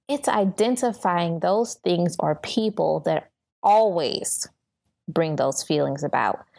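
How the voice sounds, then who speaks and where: Female solo podcast host, slightly low register, earnest and encouraging, tidy step-by-step scripted advice delivery. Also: a little mellow.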